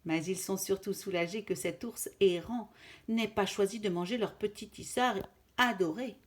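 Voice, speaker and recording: A woman reading a children's picture book aloud, gently, talking straight to a child. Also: mid-range voice, normal speed, a little hiss or hum. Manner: gentle, addresses a child directly. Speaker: storyteller.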